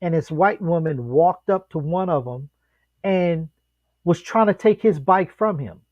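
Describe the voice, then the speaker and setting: Animated man telling stories. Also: measured pace, dry recording, dull audio. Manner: animated storyteller, acts out quotes with big pitch jumps. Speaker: podcast co-host. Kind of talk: casual chat.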